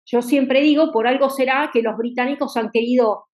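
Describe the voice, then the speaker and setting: Emphatic high-voiced woman host. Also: steady tone, normal speed, darkish tone. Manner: emphatic, rhetorical, frequent tag questions. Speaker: interview host. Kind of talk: political interview talk.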